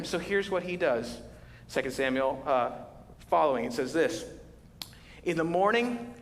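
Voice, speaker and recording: A man preaching a sermon as pastor, telling the story with lively, conversational energy and acting out the quotes. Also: fairly high pitch. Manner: animated storytelling, acts out quotes. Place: large church hall. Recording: reverberant church hall.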